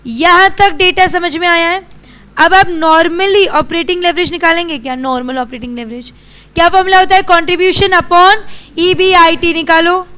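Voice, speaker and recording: A young Indian woman lectures a classroom in a high, bright voice. She quizzes her students in a brisk, scolding way. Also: steady tone. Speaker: teacher.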